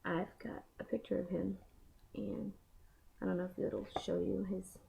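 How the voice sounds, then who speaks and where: A woman's voice: mid-range voice, flat delivery, unhurried, creaky, mellow. A young adult woman chatting casually to the camera in a rambling, informal, slangy way, as a vlogger answering questions. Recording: muffled home recording, faint background noise.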